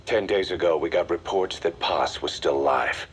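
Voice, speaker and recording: An actor playing a military intelligence strategist in a video game, delivering a grave, deliberate, commanding briefing. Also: male voice, deep voice, husky. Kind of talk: video game voice acting, mission briefing dialogue.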